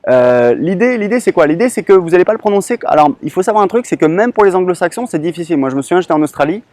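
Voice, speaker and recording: A man's voice: sits high, expressive, fast, a little mellow, dry recording. A man giving a casual lesson outdoors on a beach, speaking informally with many hesitations and restarts. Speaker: online English teacher.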